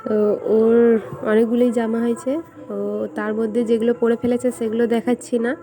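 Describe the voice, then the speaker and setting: A young woman vlogger chatting casually and speaking softly at home so her sleeping son stays asleep. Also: fairly high pitch, little pitch movement, a little fast, slight background noise. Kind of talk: casual vlog chat. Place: at home indoors. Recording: home recording with music playing nearby. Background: fair music playing nearby.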